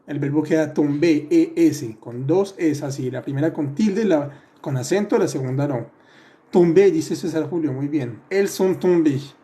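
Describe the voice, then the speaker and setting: Patient male online French teacher, a bit high and mellow in tone, repeats and checks in often. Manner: addresses students by name, corrects their answers. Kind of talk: live online class.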